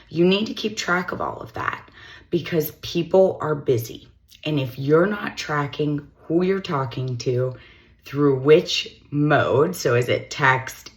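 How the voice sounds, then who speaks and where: Looking straight into the camera, a middle-aged woman recruiter offers blunt, matter-of-fact job-search advice. Her voice is low-pitched and slightly hoarse.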